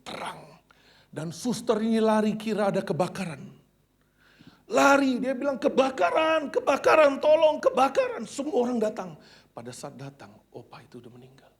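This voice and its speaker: Dramatic preacher man, loud then hushed. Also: fairly high pitch. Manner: dramatic, swinging from loud cries to hushed near-whispers; mixes English phrases into his preaching. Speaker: pastor. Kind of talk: preaching a sermon.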